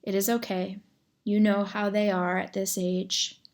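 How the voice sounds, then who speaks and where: A woman voicing a calm female robot in a storybook reading, speaking formally without contractions. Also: medium pitch, a little slow, lightly acted.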